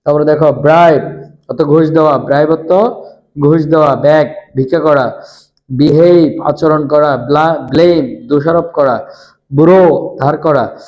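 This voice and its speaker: A man with a Bangladeshi accent teaching an online spoken English lesson, reading each English word and then its meaning, and repeating words slowly to fix pronunciation. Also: on the high side, muffled recording. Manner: corrects pronunciation by saying words again slowly.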